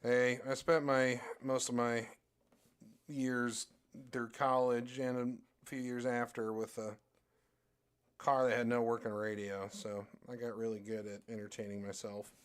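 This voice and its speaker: A man's voice: mid-range voice, flat delivery, a little slow, smooth. A young man chatting casually on a live stream while he draws, rambling with lots of fillers and restarts. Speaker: streamer and artist.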